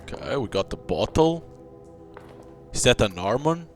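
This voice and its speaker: Male gamer, casual play-along commentary, unhurried, medium pitch, music behind. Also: very animated. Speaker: gamer playing on camera. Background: game music.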